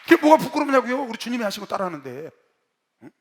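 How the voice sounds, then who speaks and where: A middle-aged man preaching an animated sermon, telling stories dramatically and swinging from loud shouts to hushed asides. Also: very high-pitched, fast talker, slight background noise. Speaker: pastor. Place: large convention hall. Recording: reverberant hall.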